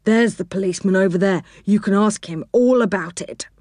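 A woman's voice: medium pitch, brisk, a little mellow, dry recording, natural voice. A storybook teddy bear who tells on others, plain and matter-of-fact, read aloud by a woman. Dry, close sound. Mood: blunt. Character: blunt tattling toy teddy bear.

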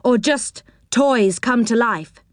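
A woman's voice: on the high side, slow, dry recording, studio quality, voice pushed up. A woman voicing an earnest, loyal young boy in a storybook reading, urgent in tone.

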